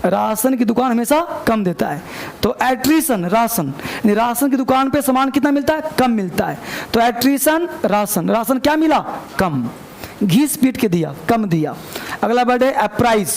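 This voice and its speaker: Guy teaching vocab lesson, repeats every word over n over, gravelly voice, bit of hiss. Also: very high-pitched, darkish tone. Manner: repetitive, drills words with memory links. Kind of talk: vocabulary lecture with memory tricks.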